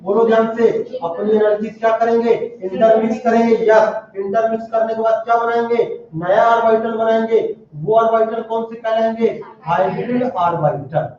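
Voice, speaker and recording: A male chemistry teacher lectures with animated energy, firing questions at his class. His voice sits high and mellow. It is recorded from far off in a very echoey classroom, with a dull, muffled sound and faint background noise. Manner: animated, calls out questions to students. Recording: very echoey room, distant dull mic.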